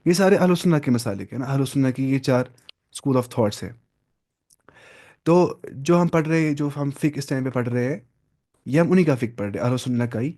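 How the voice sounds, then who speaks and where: A man's voice: mid-range voice, warm tone. A man, giving an informal classroom lecture on religious law, conversational and repeating key terms. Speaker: religious studies teacher.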